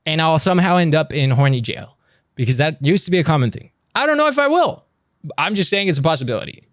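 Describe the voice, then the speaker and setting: A man chats on his live stream in a loose, self-mocking way and swears freely. His voice sits a bit high and moves around a lot. The sound is dry and close. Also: dry recording. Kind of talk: casual live stream chat.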